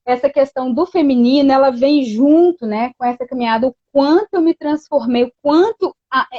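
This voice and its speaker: A woman's voice: sits high, normal speed, no room sound. A woman in a casual chat, telling a personal story with many quoted exchanges and frequent tag questions. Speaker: guest. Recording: dull lo-fi dry sound.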